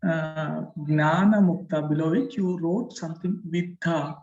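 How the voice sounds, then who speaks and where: A man's voice: on the high side, steady tone, measured pace, darkish tone. A man speaking as a student in an online class, hesitant and apologetic as he asks his teacher something. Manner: apologetic, deferential. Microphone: online call microphone. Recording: echoey, muffled online call audio.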